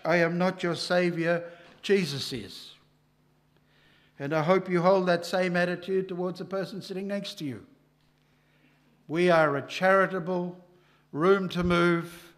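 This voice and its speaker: Standing at a church lectern microphone, an older man with a high voice preaches a sermon, speaking emphatically and growing loud on key lines.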